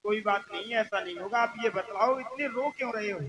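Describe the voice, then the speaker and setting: A man's voice: high-pitched, crowd noise, close to an everyday voice, low-quality recording. Rama, a man playing a patient divine prince. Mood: calm. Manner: measured, patient questioning. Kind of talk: folk stage play.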